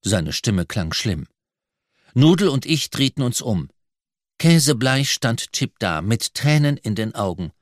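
A man narrating a children's audiobook in a lively, expressive way. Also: medium pitch, unhurried, no echo, studio quality.

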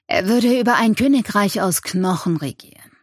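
A woman reading an audiobook, voicing a brooding, guarded male god in a measured, clipped way. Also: mid-range voice, animated, dry recording, clean studio sound, natural voice. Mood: grim.

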